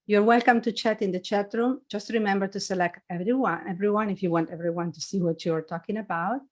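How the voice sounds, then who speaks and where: A woman's voice: medium pitch, steady tone, brisk, darkish tone. A woman hosting a company webinar, introducing the guest and running through housekeeping notes in a friendly way over a video call. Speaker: webinar host.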